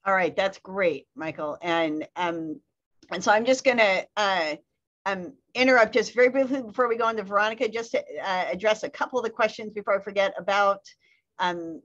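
Woman moderator, mid voice, brisk, muffled lo-fi call sound. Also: mid-range voice, fairly bright tone. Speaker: webinar moderator. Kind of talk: moderating a webinar. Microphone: video call. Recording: dull lo-fi call audio.

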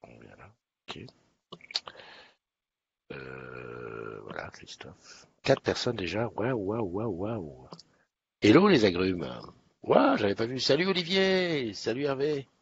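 A man's voice: fairly low pitch, big pitch swings, slow, pauses often, highs cut off, a little hiss or hum. A man hosting a casual morning live stream, chatty and upbeat, greeting viewers one by one by name. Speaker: livestream host. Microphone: webcam setup.

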